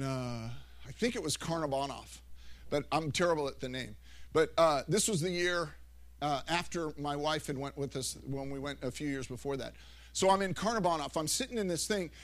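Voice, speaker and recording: A middle-aged man preaching a sermon through animated stories, with frequent restarts and self-corrections. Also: sits high. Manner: rambling, animated storytelling with many restarts. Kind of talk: anecdotal sermon.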